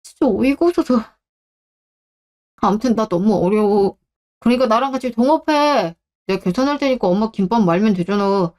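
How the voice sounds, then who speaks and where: A woman's voice: normal speed, a little mellow, natural voice. A woman voicing an entitled middle-aged son who whines and complains indignantly in a radio drama. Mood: pleading. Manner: whiny and indignant, voice rising high. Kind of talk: Korean radio drama acting.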